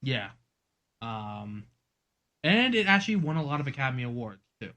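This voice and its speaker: A man co-hosts a casual movie podcast, rambling with plenty of ums and growing exasperated as he chats. His mid-range voice is sing-song, bright and forceful, at a normal speed.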